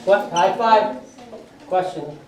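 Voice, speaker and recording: A woman teaching a math class, giving brisk directions and checking for understanding with frequent questions. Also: lowish voice. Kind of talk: classroom instruction. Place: large echoey classroom with students. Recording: echoey classroom, distant mic, student chatter.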